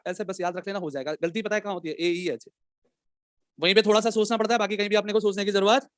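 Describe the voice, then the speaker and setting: A man teaching a chemistry class, quizzing the students and dictating questions slowly. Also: high-pitched, steady tone, smooth, no echo, clean studio sound. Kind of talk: classroom lecture.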